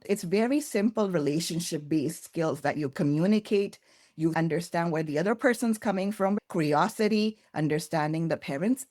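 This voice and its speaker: Woman podcast guest, low voice, thoughtful and earnest, little restarts here and there. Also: a little mellow. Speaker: early childhood curriculum developer, guest. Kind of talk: podcast interview answers.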